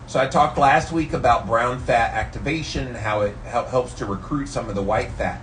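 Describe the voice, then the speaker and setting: A man's voice: medium pitch, normal speed, fairly bright tone. Male vlogger, casual and explanatory, speaking while immersed in ice cold water; mic set back, some ambient noise. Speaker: vlogger sharing health tips. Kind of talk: casual explanatory talk to followers. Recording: distant mic, background noise.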